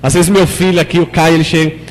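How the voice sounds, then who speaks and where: A man's voice: flat delivery, fast talker, long reverb tail, faint music behind, rough recording. A man preaching a sermon as a pastor, talking conversationally and often putting questions to the congregation. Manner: acts out prayers in a lower, softer voice. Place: church hall.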